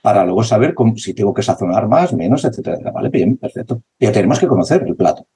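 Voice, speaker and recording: Basketball coach guy, really animated pitch, dark husky voice. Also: fast talker. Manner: passionate, repetitive, acts out dialogue. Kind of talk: conversational interview.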